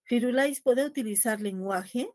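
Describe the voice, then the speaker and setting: A woman's voice: fairly high pitch, moderate pace, darkish tone, no echo. A woman teaching a linguistics class, asking her students questions and tagging nearly every phrase with a questioning "¿no?". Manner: asks the class questions and acts out lines to her pet dog. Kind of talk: lecture to a class.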